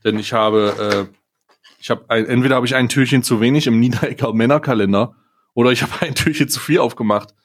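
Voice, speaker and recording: A man co-hosting a casual chat, excitable and quick to swear and laugh. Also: mid-range voice. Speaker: podcast co-host.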